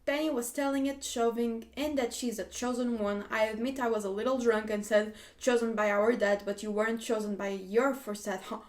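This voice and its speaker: A woman's voice: a little high, fairly even intonation, fairly quick, hardly any pauses. A woman hosting a casual reaction video, reading posts aloud and chatting with lots of "like" and frequent laughs. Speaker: YouTube host reacting to posts.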